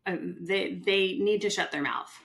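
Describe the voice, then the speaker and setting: A woman's voice: mid-range voice, unhurried, vocal fry. A middle-aged woman, a real estate agent, talking casually in a podcast conversation and acting out the people she quotes. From California. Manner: chatty, animated storyteller who acts out quotes.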